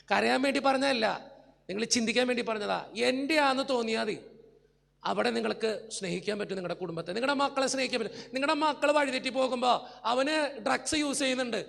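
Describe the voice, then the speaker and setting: A man's voice: very high voice, creaky, fairly bright tone, long reverb tail. A male priest giving an emotional sermon full of personal stories, speaking earnestly and pleading straight with his congregation.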